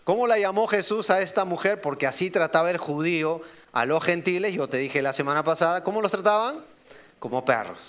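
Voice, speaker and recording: During his sermon, a male pastor throws rhetorical questions at the congregation. He dramatizes quoted voices with abrupt, sharp shifts in pitch.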